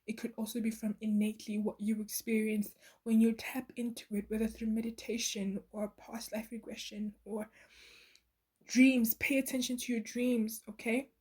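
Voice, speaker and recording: A woman's voice: a little high, level tone, moderate pace, darkish tone, slightly rough. A woman giving a channeled tarot reading to her viewers, earnest and meandering, with many fillers and restarts. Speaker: tarot reader.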